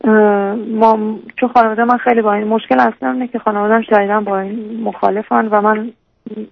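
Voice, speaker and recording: A young female caller on a radio advice show, speaking in a flat, gravelly voice. She halts often and fills pauses while sounding unsure. The line is muffled and lo-fi. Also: on the high side. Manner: hesitant, full of fillers and restarts, unsure. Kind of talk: personal story on a call-in show.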